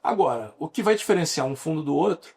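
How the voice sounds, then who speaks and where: This podcast guest, a Brazilian lawyer in his forties with a Brazilian Portuguese accent, has a fairly high, expressive voice that is gravelly, slightly rough, yet a little mellow. He talks fast and gives long explanations, often starting over mid-thought.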